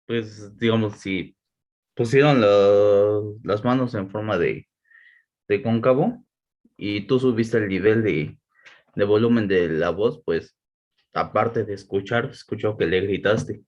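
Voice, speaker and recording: Alumno mexicano pausado, audio apagado. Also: male voice, fairly low pitch, darkish tone, lo-fi sound. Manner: hesitant, searching for words. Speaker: student. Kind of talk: answering in class.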